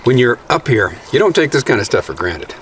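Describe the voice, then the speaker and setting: A man with a lively, swooping voice talks animatedly and jokes as he cooks a camp meal. He is heard from a little way off, with clear outdoor noise around him. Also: medium pitch. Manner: animated, joking, quick bursts of excitement. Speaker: backpacker vlogger. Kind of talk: casual outdoor chat while cooking. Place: outdoors at a high mountain lake. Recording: distant camera mic with outdoor noise.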